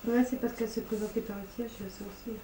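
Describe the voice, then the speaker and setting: A woman, a mother, briskly and repetitively urging an infant to smile at home. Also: fairly high pitch, flat delivery, warm tone. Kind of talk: coaxing an infant, casual family talk. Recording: distant roomy home camcorder audio, noisy.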